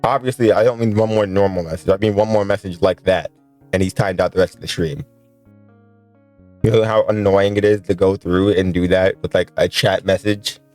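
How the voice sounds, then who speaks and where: A man's voice: low-pitched, steady tone, moderate pace, a little mellow, no room sound, faint music behind. A man streaming a visual novel, joking and chatting with his viewers as he reads. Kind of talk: casual let's-play commentary.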